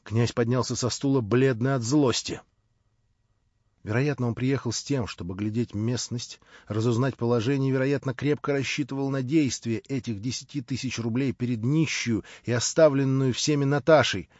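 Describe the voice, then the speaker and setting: A man narrating a classic novel in the first person with measured storytelling. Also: mid-range voice, darkish tone, no room sound. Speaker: audiobook narrator. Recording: dry, slightly dull audiobook recording.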